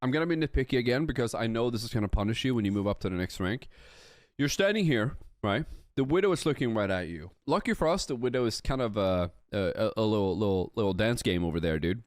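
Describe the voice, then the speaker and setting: Lively blunt male game coach. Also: fairly low pitch, fast talker, no echo, clean studio sound. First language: Swedish. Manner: blunt, nitpicky, profane, talks to chat. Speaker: game coach reviewing a player's replay. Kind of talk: streamed coaching commentary.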